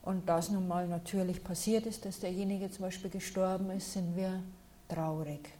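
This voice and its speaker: A woman working as a meditation teacher, calmly and patiently answering questions from listeners during a talk. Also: on the low side, moderate pace, slight background noise.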